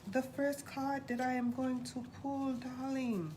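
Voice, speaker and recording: A woman playing a sassy, glamorous TV psychic who hosts a live call-in stream in a campy, drawn-out manner. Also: high-pitched, flat delivery. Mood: sassy, welcoming. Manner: campy, drawn-out, calls everyone darling. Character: sassy glamorous female TV psychic hotline host. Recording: noisy live stream audio.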